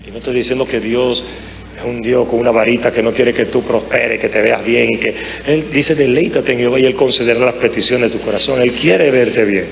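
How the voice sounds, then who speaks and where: Man, preacher, live sermon, impassioned, conversational, mid-pitched voice, music behind. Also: steady tone, fairly quick, creaky.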